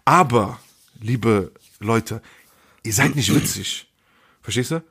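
Podcast co-host, man, husky voice, crude and blunt slang-heavy delivery. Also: fairly low pitch, slow, a bit bright. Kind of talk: casual podcast chat.

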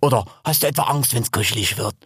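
A bright, high-voiced young wild sow bubbles along, teasing and chatty, as a man puts her on. Her voice leaps all over the place. The reading is dry and close, with no room around it. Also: big pitch swings, brisk, no room sound.

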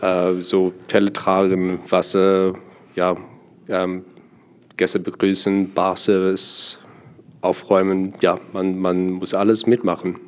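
A young South African man, a native Afrikaans speaker and part-time sommelier, answers interview questions as a guest with an Afrikaans accent, hesitating as he searches for words in his second language. His voice is low, monotone, slow, clear and resonant.

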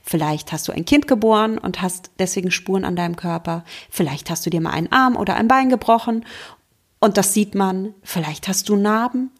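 Breathy, gentle German woman coaching. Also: mid-range voice. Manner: gentle and encouraging, speaks straight to the listener, slows for emphasis. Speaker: mindfulness coach and podcast host. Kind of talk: self-help podcast talk.

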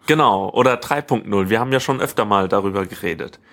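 Man chatting on a tech podcast, halting delivery. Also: fairly low pitch, vocal fry, fairly bright tone. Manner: rambling, halting, self-correcting. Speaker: podcast co-host. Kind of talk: casual tech podcast chat. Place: living room.

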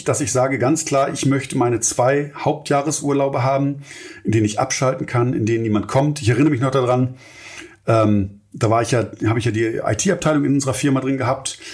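A man's voice: mid-range voice, fairly quick, darkish tone. A middle-aged man hosts a solo podcast monologue in a mid-range voice. He speaks earnestly, coaching and motivating his listeners directly. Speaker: podcast host, entrepreneur.

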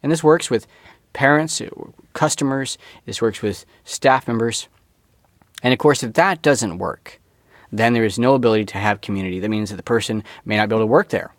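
A man's voice: mid-range voice, brisk, dry recording, studio quality. Emphatic man asking rhetorical questions. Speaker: school director giving a talk. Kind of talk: informal teaching talk.

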